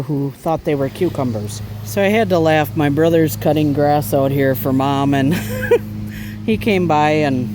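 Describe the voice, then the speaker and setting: A man's voice: on the high side, a little mellow, slight background noise, rough recording. A man casually talking through an outdoor cooking vlog, chatty and easygoing while he eats and cooks by a fire. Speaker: bushcraft vlogger.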